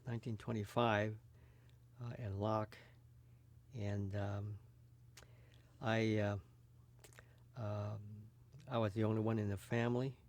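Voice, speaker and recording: A man in his eighties, from California, recalling his childhood for an oral history recording, halting often with fillers. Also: fairly low pitch, level tone, darkish tone. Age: 80s. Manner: hesitant, many fillers. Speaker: interviewee. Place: recording booth.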